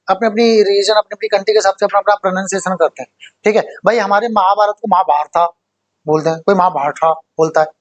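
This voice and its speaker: A young male teacher gives a spoken vocabulary lesson, coaxing students and quizzing them over and over. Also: high-pitched. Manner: coaxing, repeats "theek hai bhai" and quizzes students.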